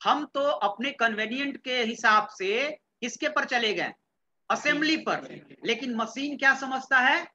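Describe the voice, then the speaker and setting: A man teaching a class, his voice bright and forward. He keeps firing questions at the students and echoing their replies. The recording is dull and lo-fi. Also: extremely high pitch, lively intonation, a little slow, a little hiss or hum. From Bihar, India. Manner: quizzes students and repeats their answers; mixes English terms into Hindi. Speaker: computer science teacher. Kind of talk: classroom lecture.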